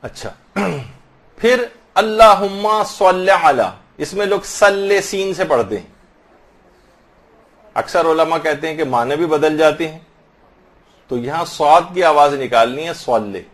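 A man giving a religious lesson on prayer pronunciation, explaining patiently and slowly demonstrating each recited phrase. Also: on the high side, a bit bright. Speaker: religious teacher.

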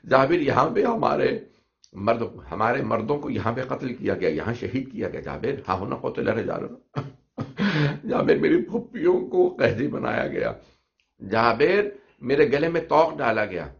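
A man's voice: medium pitch, expressive, unhurried, creaky. A man voicing a young man who mourns his slain kin and cries out his lament, in a dull lo-fi recording. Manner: crying out, lamenting.

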